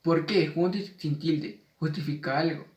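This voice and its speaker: A man reads out a spelling lesson in a measured way and slows down for the example words. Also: fairly high pitch, darkish tone, far from the mic. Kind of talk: reading a spelling lesson aloud. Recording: echoey room, voice off-mic.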